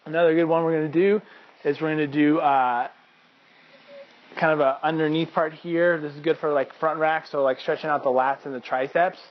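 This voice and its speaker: A man's voice: fairly high pitch, steady tone, moderate pace, long pauses, dull audio. A man coaching viewers through banded shoulder stretches, explaining casually while he demonstrates. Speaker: fitness coach. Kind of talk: instructional demonstration.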